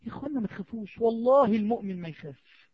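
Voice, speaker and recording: An Egyptian preacher with a very high, husky voice delivers a sermon at a brisk pace. He moves between hushed pleading and rising exhortation. The recording sounds dull and lo-fi. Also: animated. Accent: Egyptian Arabic.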